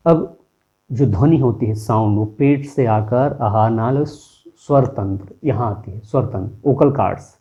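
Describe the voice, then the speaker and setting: A man's voice: mid-range voice, a little slow, muffled recording. A man teaching a lesson, explaining step by step and posing rhetorical questions to his viewers. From India.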